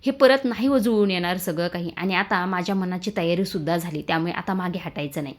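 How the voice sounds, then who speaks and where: A woman's voice: lowish voice, fast talker, natural voice. Woman narrator as an anxious, insistent young wife. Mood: urgent. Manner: urgent, insistent.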